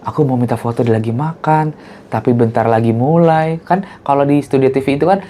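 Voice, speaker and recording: A man, speaking as an interview guest. He talks in a loose, chatty way and tells stories. When he repeats what others said, he acts it out in a high voice. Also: fairly quick, mellow, slight background noise. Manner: chatty storyteller who acts out quotes in a high voice. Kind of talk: casual chat.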